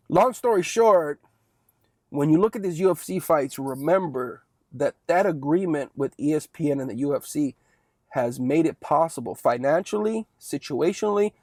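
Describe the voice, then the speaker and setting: A man's voice: on the high side, a little mellow, dry recording, studio quality. A young man talking through a casual one-take sports monologue, rambling and chatty and often tagging lines with "right?". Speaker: sports commentary vlogger.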